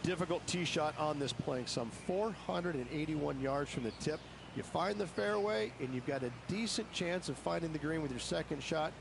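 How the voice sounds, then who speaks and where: A man working as a golf commentary analyst, explaining play in a measured way for a game broadcast. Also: on the high side, vocal fry. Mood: measured, engaged. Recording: loud music and crowd noise behind.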